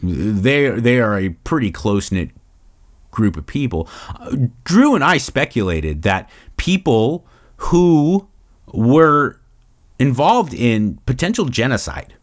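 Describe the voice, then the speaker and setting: A middle-aged podcast host from Los Angeles runs a casual Q&A monologue, rambling, swearing freely and restarting a lot. His voice is medium-pitched, sing-song and slow.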